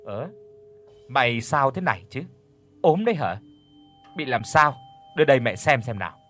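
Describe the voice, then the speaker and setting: A man voicing an older village mother who scolds her daughter with loud, wailing curses. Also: mid-range voice, very animated, moderate pace, faint music behind. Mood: fretful. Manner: wailing, cursing outbursts.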